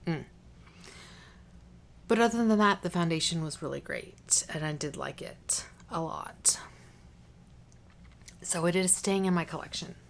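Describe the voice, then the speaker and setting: Talking at a measured pace with long pauses and vocal fry, this woman has a voice on the low side, and a little hiss or hum can be heard. She's a beauty vlogger chatting casually and informally to camera, often veering onto tangents, while slightly congested with a cough drop in her cheek.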